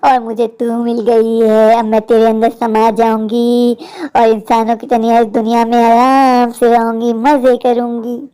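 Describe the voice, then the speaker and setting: A woman voicing a vengeful female ghost who speaks in slow, deep, gloating threats in an animated horror story. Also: clear, resonant tone, natural voice. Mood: menacing. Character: vengeful burned girl spirit, female, menacing.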